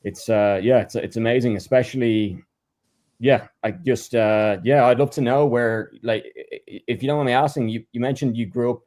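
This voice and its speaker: This podcast host speaks at a medium pitch and a moderate pace, his tone steady and a little mellow. He stumbles through a guest introduction with lots of fillers and restarts.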